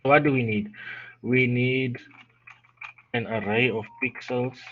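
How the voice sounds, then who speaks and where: Slow-talking sick guy doing a coding tutorial, thinks out loud, muffled lo-fi mic with hiss. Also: medium pitch. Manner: thinks aloud while typing, restarts and stumbles. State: unwell, yawning. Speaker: programming tutor. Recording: dull lo-fi audio with steady noise.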